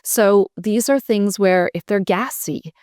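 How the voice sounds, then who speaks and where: A woman's voice: medium pitch, takes it slowly, a little mellow, no echo, studio quality. A woman sleep coach giving earnest advice to parents in a podcast interview, now and then quoting them. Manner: earnest, advising parents, quotes them in voices.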